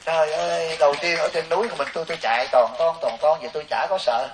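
A fast-talking male monk with a higher-than-average voice gives lay listeners a dharma talk. It's animated and humorous, told through stories with quoted voices. Hiss and distance mark the recording.

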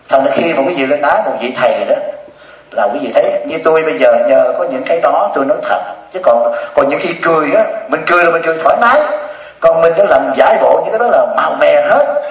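A man's voice: on the high side, quick pace. A man giving a humorous Buddhist dharma talk to an audience, laughing often and asking them questions. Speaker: Buddhist monk teacher. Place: hall before an audience. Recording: echoey distant lo-fi hall recording.

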